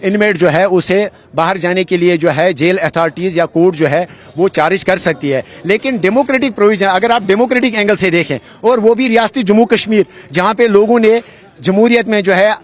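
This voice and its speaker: A man with a Kashmiri accent, speaking earnestly at an outdoor protest interview, often pausing and restarting. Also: sits high. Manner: earnest, halting with many fillers and restarts. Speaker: politician at a protest. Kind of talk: on-the-spot interview.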